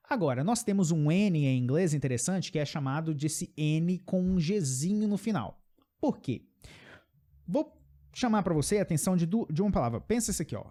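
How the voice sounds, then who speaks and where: A Brazilian man, a native Portuguese speaker, gives an English pronunciation lesson, saying example words slowly and often checking in with "ok?". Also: on the high side, warm tone. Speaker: English teacher.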